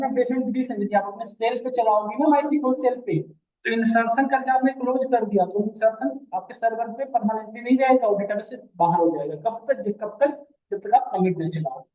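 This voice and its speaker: A man teaching a database class, calling students "beta" and checking that they follow. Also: high-pitched. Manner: addresses students as beta, asks checking questions. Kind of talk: classroom lecture. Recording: distant mic, phone-like lo-fi sound.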